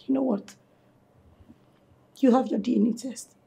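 A wronged woman, high and mellow, reproachful. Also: fairly even intonation, unhurried, gravelly. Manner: cold and reproachful. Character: hurt, wronged young woman rejecting her partner.

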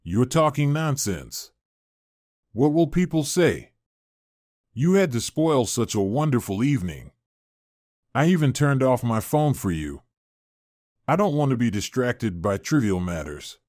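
A man's voice: medium pitch, sing-song, measured pace, pauses often, darkish tone, no room sound, clean studio sound. A man reading the part of a bold young woman who speaks in a demanding, petulant way.

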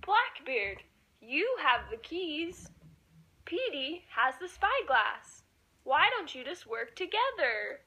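A woman voicing a friendly, wise shark in a cartoon story, speaking gently and coaxingly. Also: high voice, sing-song, slow, pitched above the performer's own voice, exaggerated voice.

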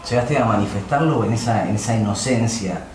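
A man's voice: on the low side, brisk. Friendly man hosting an interview. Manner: friendly, uses vos. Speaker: interview host. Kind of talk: conversational interview. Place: small candlelit room indoors. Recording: echoey room with faint ambience.

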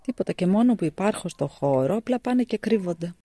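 A woman vlogger with a sore throat from a cold, speaking softly and coaxingly to timid animals in a garden, between casual narration. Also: mid-range voice, animated, husky, low-quality recording. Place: outdoors in a garden.

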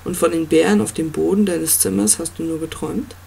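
A reader voicing an ancient, commanding yew-tree monster in an audiobook, with a slow, stately delivery. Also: mid-range voice, fairly even intonation, creaky, mellow, breathy edge. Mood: dry, probing. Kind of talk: audiobook reading.

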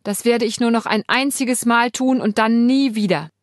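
A woman's voice: fairly high pitch, moderate pace, no echo, clean studio sound, close to an everyday voice. A woman reading a desperate jailed husband. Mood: pleading. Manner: pleading, tearful. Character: desperate imprisoned husband, man, sarcastic.

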